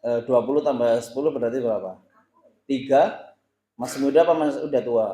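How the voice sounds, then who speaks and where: A man's voice: medium pitch, brisk, warm tone, slight background noise. A man in his thirties, an Islamic boarding school teacher giving informal advice to students, teasing them with questions and tagging his sentences with "ya". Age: 30s. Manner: playful, teasing the audience with questions; frequent "ya" tags and hesitations. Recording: roomy echo.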